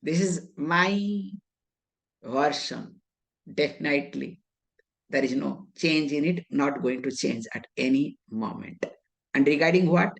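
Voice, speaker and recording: In a low, gravelly voice, a woman with an Indian English accent delivers a deliberate scriptural discourse in the role of a spiritual teacher. Sanskrit words run through her talk, and she answers the rhetorical questions she raises.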